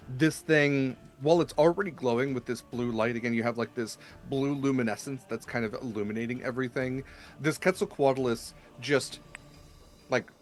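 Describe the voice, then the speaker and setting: A medium-pitched man acts as game master for a tabletop game. He improvises the narration in a halting, conversational way.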